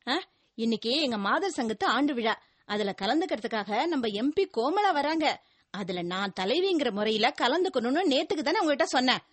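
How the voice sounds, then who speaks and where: A woman's voice: sits high, sing-song, fairly quick, no echo. An actress playing a self-important society mother who indignantly protests to her husband. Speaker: mother, club president.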